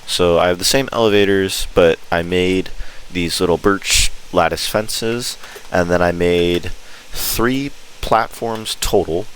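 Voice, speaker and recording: Deep-voiced man narrating casual gameplay. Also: fairly even intonation, slow pace, low-quality recording. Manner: enthusiastic, informal. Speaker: video host. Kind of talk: casual gameplay walkthrough commentary. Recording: clear background noise.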